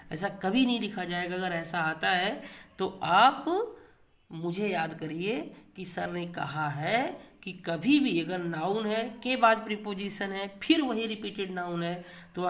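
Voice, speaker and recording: A man teaching English grammar in a classroom-style lecture. He keeps quizzing his listeners with rhetorical questions, repeats key words, and reads example sentences slowly and with emphasis. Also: high voice, fairly bright tone.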